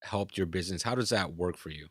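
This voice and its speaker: A man's voice: low-pitched, quick pace, a bit bright, dry recording, clean studio sound. A man hosting a podcast, asking short friendly follow-up questions. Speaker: podcast host. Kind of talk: interview questions.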